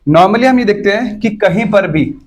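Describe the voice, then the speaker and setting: This male English grammar teacher speaks at normal speed in a high-pitched voice with lively intonation. He walks his students through the material step by step, regularly asking if they follow and going over points again.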